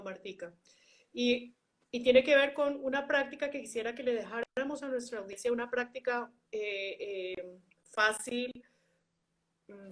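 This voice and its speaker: A woman guest in a live chat conversation, talking in a relaxed, friendly way. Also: a little high. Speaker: guest speaker.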